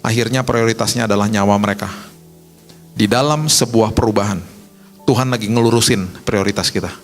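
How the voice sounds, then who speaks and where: A male pastor preaching a sermon in a casual, conversational way, telling stories with lively swings in pitch. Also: brisk, faint music behind. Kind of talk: sermon with storytelling.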